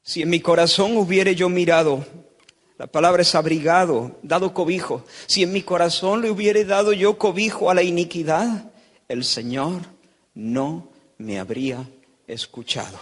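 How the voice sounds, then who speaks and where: A man from Spain preaching a sermon as pastor, swinging from quiet, low passages to loud, impassioned pleading. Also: moderate pace. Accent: Spain Spanish. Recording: long hall reverb.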